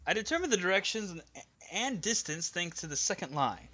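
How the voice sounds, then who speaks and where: A man reads a visual novel aloud in a laid-back read-along, sometimes tripping over words and teasing his co-reader. His voice is bright and a bit high, with a lively, animated pitch. It comes through a dull, lo-fi microphone. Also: fairly quick. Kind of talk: casual read-along with banter.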